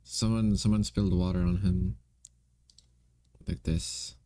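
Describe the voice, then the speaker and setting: A man's voice: deep voice, level tone, a little slow, mellow, dry recording. A young man streaming, chatting casually and playfully to himself and his viewers while gaming and drawing. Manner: playful, rambling, talks to himself and chat.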